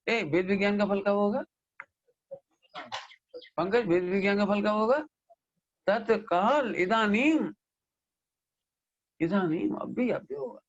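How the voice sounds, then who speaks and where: A man gives a lively scripture discourse, scolding and questioning his listeners. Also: sits high, slow pace, pauses often, lo-fi sound. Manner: animated, scolding, mimics listeners and asks them questions. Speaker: Jain scholar giving a scripture discourse. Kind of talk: sermon.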